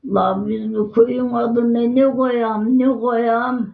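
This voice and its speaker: A woman's voice: on the high side, flat delivery, slow, gravelly. An older woman from rural Turkey with a village dialect, telling stories informally in an earthy, repetitive way. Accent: rural Turkish, Yörük village dialect. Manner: earthy, repeats phrases. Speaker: village elder being interviewed. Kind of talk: informal oral storytelling. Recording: echoey, dull lo-fi recording.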